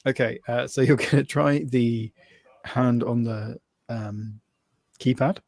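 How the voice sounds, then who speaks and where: A man's voice: medium pitch, steady tone, takes it slowly, creaky, a little mellow. Laughing man running a tabletop game. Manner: laughs often, loose and rambling. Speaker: game master. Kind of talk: live tabletop game narration.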